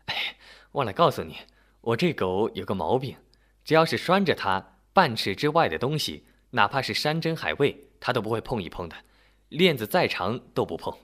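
A busy young man patiently explaining himself, voiced by a male narrator. His speech moves with lively pitch swings, plain and matter-of-fact. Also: normal speed.

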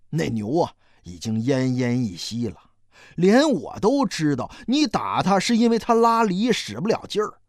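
A storyteller narrating a novel in an expressive, slow and dramatic manner. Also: mid-range voice, no echo, studio quality.

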